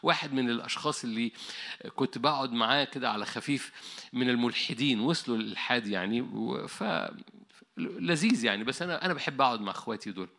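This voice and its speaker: A man with an Egyptian accent preaching an animated sermon, telling stories and laughing. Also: medium pitch, quick pace. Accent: Egyptian Arabic.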